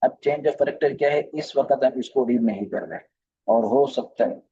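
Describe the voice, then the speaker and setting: A trading course teacher leads a recorded live class on reading charts, speaking with a flavour, often repeating phrases and putting questions to his students. His voice is medium-pitched, mellow and husky at a moderate pace, and the audio sounds dull.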